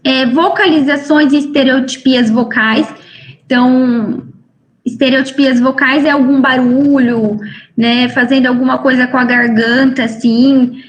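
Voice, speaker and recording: A woman's voice: high-pitched, fairly even intonation, unhurried. A woman physician with a Brazilian Portuguese accent giving a medical lecture, explaining step by step with frequent fillers and rhetorical tag questions.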